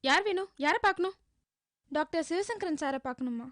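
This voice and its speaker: An actress playing a chatty, gossipy hospital receptionist in a TV serial. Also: female voice, extremely high pitch, expressive, brisk, a bit bright, no room sound, clean studio sound. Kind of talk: TV serial acting.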